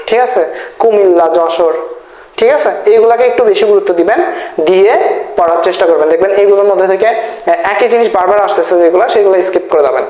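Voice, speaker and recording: A high-pitched man tutors students for their exams. He repeats himself often and breaks words into slow syllables, and the recording carries a noticeable room echo. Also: a little mellow. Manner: repetitive, checks in with "thik ache?"; spells words out slowly syllable by syllable. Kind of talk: exam-prep lesson. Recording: echoey room.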